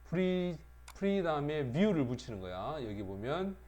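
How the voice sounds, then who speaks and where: A man's voice: fairly high pitch, big pitch swings, normal speed, a little mellow. A middle-aged man giving an exam-prep English vocabulary lecture, often checking with his students through tag questions. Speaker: English teacher.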